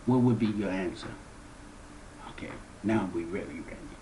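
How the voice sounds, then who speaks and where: A man's voice: a little hiss or hum, low-quality recording. A man who founded a spiritual movement gives a spiritual address to his viewers, preaching with strong emphasis. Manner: slow, emphatic preaching with big swings in pitch and loudness.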